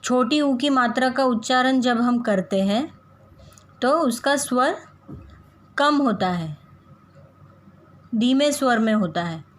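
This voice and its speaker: A woman teaching young children a Hindi lesson, saying example words slowly and deliberately so they can repeat after her. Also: on the high side, lively intonation. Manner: slow, carefully drawn-out pronunciation of example words. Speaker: primary school Hindi teacher.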